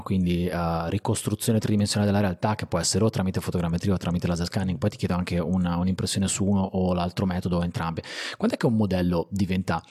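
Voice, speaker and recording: A male interviewer with a fairly low, husky voice. He keeps a casual tone, building long, wandering technical questions and dropping in short affirmations. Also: a little mellow.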